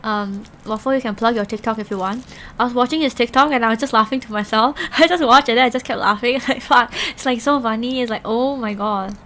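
Slightly high, a bit quick, and fairly bright, the voice belongs to a young woman on Twitch who chats with viewers between bites. She rambles and giggles, with "like" in nearly every phrase.

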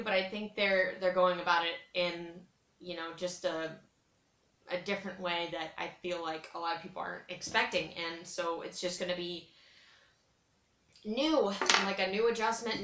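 Her mid-range voice sounds pushed and bright as this young vlogger chats and wanders off on tangents while cutting soap, thinking out loud and circling back to the same points. She's indoors in a small carpeted room with bare walls, recorded by a camera mic a metre or two off, so the room echoes.

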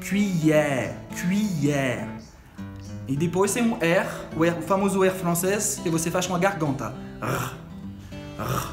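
A man giving short, playful pronunciation lessons, slowly drilling each sound. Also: a little high. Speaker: French teacher. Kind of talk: short scripted language lesson. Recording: music bed underneath.

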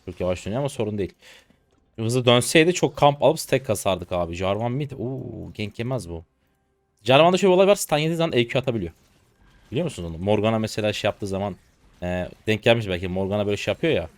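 Fast-talking hoarse young man gaming. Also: lowish voice, animated, no room sound. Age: 20s. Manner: rapid slangy chatter to viewers. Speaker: gaming streamer. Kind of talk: live gameplay commentary.

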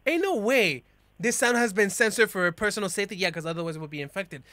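A young adult man with a high-pitched voice talks at a quick pace, with no echo, as he hosts a reaction video to a horror clip. Jokey and animated, he bursts into yelps and laughs at the scares, using a headset with a desk mic in a small bedroom setup.

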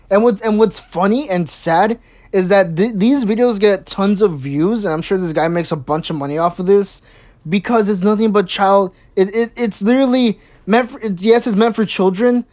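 A woman hosts a mocking reaction commentary, sarcastic and crude, swearing freely, stumbling over restarts and mimicking others in squeaky voices. She speaks at a moderate pace with a darkish tone.

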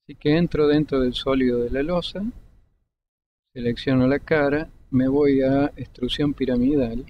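Guy walking thru a 3d modeling tutorial step by step, kinda dull lo-fi mic w a faint rumble. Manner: calm step-by-step explaining, pausing between clicks. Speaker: 3D modeling instructor. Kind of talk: screen-recorded software tutorial.

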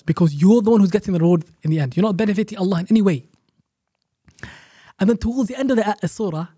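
A man's voice: on the high side, warm tone, breathy edge, dry recording, clean studio sound. A man, an Islamic teacher and podcast guest, earnestly explaining Quran verses and repeating key phrases for emphasis.

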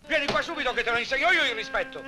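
A man's voice: very high voice, rapid-fire, over music. An actor playing a hot-tempered, hard-working Italian peasant father, blustering with exasperation in a 1950s film drama. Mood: angry, exasperated. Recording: noisy old film soundtrack.

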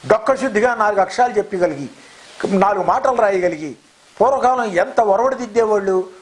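High-voiced man in impassioned lecture. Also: brisk, rough recording. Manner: rhetorical questions in long scolding lists; mocks others' words in quoted voices. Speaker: scholar giving a commentary on society.

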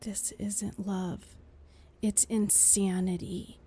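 A woman playing a gentle, principled female angel in a soft, breathy, earnest ASMR role-play. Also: medium pitch, steady tone, takes it slowly, exaggerated voice. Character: gentle, principled female angel, reassuring yet exasperated conscience.

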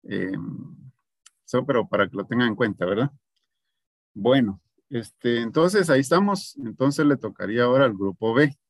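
A man's voice: mid-range voice, expressive, normal speed, pauses often, no room sound, studio quality. A man teaching an online agronomy class, explaining patiently and often checking in with his students. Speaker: agronomy instructor.

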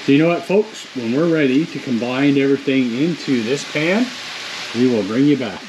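A middle-aged man hosts a casual home cooking vlog indoors, moving between kitchen and dining room, chatting through the steps and addressing viewers as folks. His voice is medium-pitched at a moderate pace, against a noisy background of clinking cutlery and dishes.

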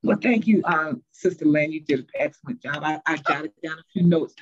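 Woman in children's ministry, husky voice, dull lo-fi call audio. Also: deep voice, a little fast.

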